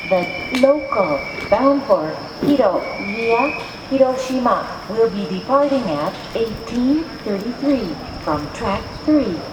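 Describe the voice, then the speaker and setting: A woman reading a formal, polite transit announcement, heard over a public-address loudspeaker. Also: fairly high pitch, expressive, takes it slowly. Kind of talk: recorded bilingual transit announcement. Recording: echoey space from far off, noisy.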